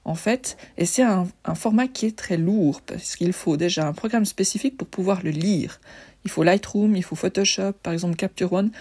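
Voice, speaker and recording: A woman's voice: medium pitch, warm tone, breathy edge. A woman with a lisp on her s sounds, explaining things informally and conversationally as a photographer presenting.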